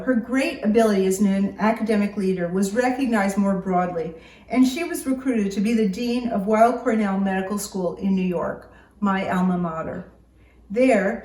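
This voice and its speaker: A woman giving a formal, scripted podium speech introduction in a measured, read-out delivery. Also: mid-range voice, warm tone. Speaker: academic introducing a keynote speaker. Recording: roomy echo, distant microphone.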